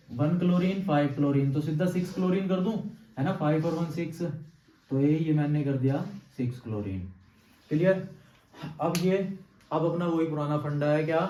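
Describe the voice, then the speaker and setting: A man's voice: a little high, mellow. A man teaching chemistry in a lecture, asking questions and answering them himself step by step. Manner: quizzes students with constant checks like "clear?"; answers his own questions, slow stepwise counting. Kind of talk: classroom lecture at a board. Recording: echoey room, distant mic, dull sound.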